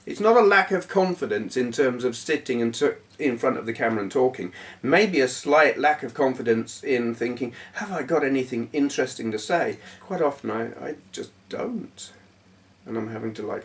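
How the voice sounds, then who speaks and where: A man with a hoarse, failing voice, hosting his gaming channel and rambling casually to camera with plenty of fillers and self-deprecating asides. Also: medium pitch, normal speed, recorded from a distance. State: hoarse, voice going. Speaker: YouTube gaming channel host.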